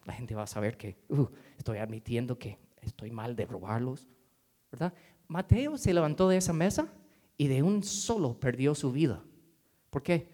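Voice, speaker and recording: A man's voice: mid-range voice, expressive, moderate pace, warm tone. A man preaching a sermon as pastor, in a conversational way that keeps asking the congregation questions and drops to a whisper for quoted lines.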